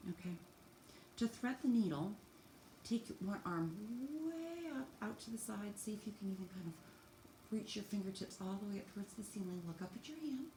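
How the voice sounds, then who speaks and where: A woman's warm, medium-pitched voice moves at a moderate pace with lively intonation. She's a teacher demonstrating yoga stretches for children, guiding them with simple, encouraging step-by-step cues, recorded in an echoey space with faint noise behind her.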